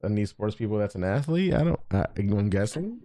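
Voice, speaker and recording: A man's voice: fairly low pitch, big pitch swings, brisk, dark tone, dry recording. A young man co-hosting a casual gaming podcast, joking in an offhand way. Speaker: podcast co-host. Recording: faint background noise.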